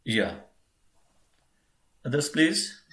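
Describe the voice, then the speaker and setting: A man's voice: mid-range voice, big pitch swings, very slow, fairly bright tone. Male teacher running an online class, patient, repeats and spells; roomy echo. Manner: patient, repeats and spells words out, addresses "friends". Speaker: German language teacher.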